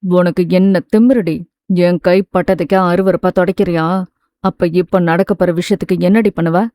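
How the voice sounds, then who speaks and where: A woman voicing an intense, stern young man in a romance audiobook, speaking low and pressing. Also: steady tone, moderate pace, warm tone, no echo, clean studio sound, close to an everyday voice. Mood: angry.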